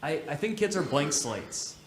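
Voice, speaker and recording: A man from the United States answers a question on a conference panel. He talks in a thoughtful, conversational way and quickens when he makes a point. The hall around him is roomy, with a faint background hum. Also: fairly high pitch, sing-song. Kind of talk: panel discussion. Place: conference stage.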